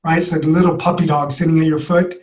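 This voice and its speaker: A man speaking in an earnest, expansive way, stacking example on example as a podcast guest. His voice sits a little higher than most men's. A roomy echo hangs around every word. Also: little pitch movement, fast. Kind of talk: reflective conversation.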